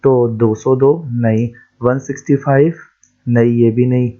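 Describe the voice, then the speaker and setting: A man teaches a quiz lesson from slides and repeats every key answer. His voice is mellow and a little rough from a sore throat. The recording sounds dull and lo-fi. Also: mid-range voice, fairly even intonation. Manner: explains step by step, repeats key answers, reads English slowly.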